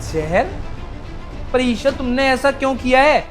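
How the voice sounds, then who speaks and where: A woman's voice: sits high, lively intonation, unhurried, faint music behind. A woman acting a young husband and protective elder brother in a family skit, asking questions in exasperation. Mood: puzzled. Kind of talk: amateur Hindi web-skit acting.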